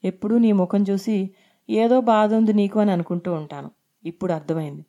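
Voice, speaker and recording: A woman's voice: mid-range voice, steady tone, a little fast, mellow, muffled recording, lightly acted. A woman voicing an indignant young woman friend who is a student. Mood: consoling.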